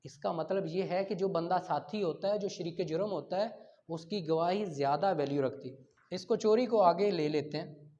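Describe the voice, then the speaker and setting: Heard through dull lo-fi audio, this lecturer has a slightly high, slightly mellow voice and a Pakistani accent. He explains the law with examples, asks his own questions and answers them, and mixes English legal terms into his Urdu.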